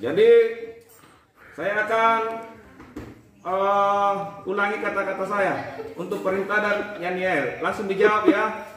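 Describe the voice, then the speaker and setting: High-voiced drill trainer with a Makassar accent. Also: male voice, fairly even intonation, bright, forceful tone. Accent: Indonesian, Makassar. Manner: commanding, demonstrates chants in drawn-out rhythmic calls. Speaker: cadet trainer leading chant practice. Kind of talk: virtual drill instruction with chanted calls. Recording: very echoey room, voice far from the mic.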